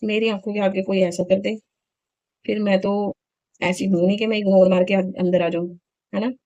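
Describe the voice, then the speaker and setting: A woman's voice: mid-range voice, steady tone, moderate pace, dark tone, dry recording, lo-fi sound. A woman in her thirties chatting casually in a home vlog, telling a story in an indignant, talkative way. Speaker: vlogger.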